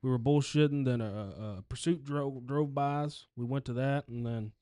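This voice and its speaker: A man's voice: mid-range voice, moderate pace, dark tone, no echo. Male podcast co-host, tow driver, casual and profane, dry close mic. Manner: crude, swearing, storytelling. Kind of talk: casual chat.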